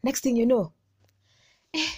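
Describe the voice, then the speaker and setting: A Kenyan woman spins a story in a relaxed group chat, with a fairly high voice. She is lively and laughs often, slipping slang into her English. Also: unhurried, husky. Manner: animated, laughing, mixes Swahili slang and English.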